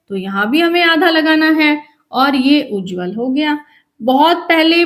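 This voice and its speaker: A woman's voice: high-pitched, a bit bright. A woman teacher giving a grammar lesson, working through examples step by step and asking her students questions, then answering them herself. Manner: slow, repeating questions to students.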